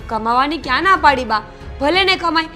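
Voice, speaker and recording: A young woman playing a newly married wife in a short film, loud and complaining, with soft music behind. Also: sits high, expressive, a little fast. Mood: indignant. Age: young adult.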